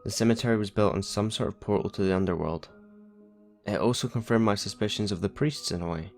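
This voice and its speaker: Low-voiced male narrator for a first-person horror story, steady and measured, with soft music underneath. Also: vocal fry.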